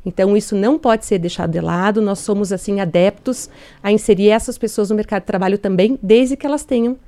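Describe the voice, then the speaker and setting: Woman, 40s, mellow warm voice, earnest interview guest. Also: medium pitch, fast. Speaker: guest from industry. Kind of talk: radio interview answers.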